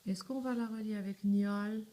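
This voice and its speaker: A woman's voice: mid-range voice, steady tone, moderate pace, mellow. A young woman teaching young children to spell, patiently asking questions, answering them herself and checking that they follow. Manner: patient, asks and answers her own questions; spells words letter by letter, often checks "d'accord?". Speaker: primary school teacher. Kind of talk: slow step-by-step spelling lesson.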